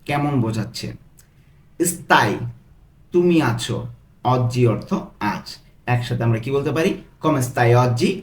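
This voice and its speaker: A man teaching Italian phrases, repeating each slowly, word by word. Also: medium pitch, echoey room. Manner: slow, broken-down repetition of phrases. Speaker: language tutor. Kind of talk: Italian lesson taught in Bengali.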